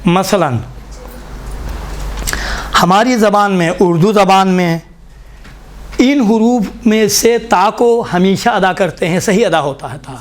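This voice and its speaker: A man teaching a classroom lesson on recitation pronunciation, repeating each sound slowly for his students. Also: sits high.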